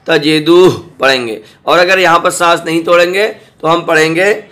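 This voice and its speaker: Man, recitation teacher, bright and crisp voice, slow drilled repetition. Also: a little high. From South Asia. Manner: drills each word slowly, repeating and checking understanding. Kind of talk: slow spelled-out recitation lesson.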